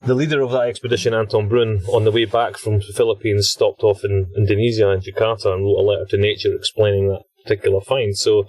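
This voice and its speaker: A British man talks in a chatty, enthusiastic way, laughing easily as he records a log from inside a cramped titanium submersible. His voice sits fairly low and sounds dry and close, with little room sound around it. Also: little pitch movement, fast, few pauses, a little mellow, dry recording. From Britain. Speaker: expedition scientist and podcast host. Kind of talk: casual chat recorded as an audio log. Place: inside a small deep-sea submersible sphere.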